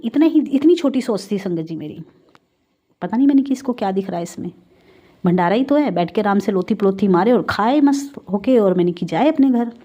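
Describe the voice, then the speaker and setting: A woman's voice: medium pitch, dark tone. A woman giving a spiritual testimony to a congregation, telling her story in a heartfelt, conversational way and often speaking to her listeners directly. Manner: conversational, with everyday Hindi-English mixing.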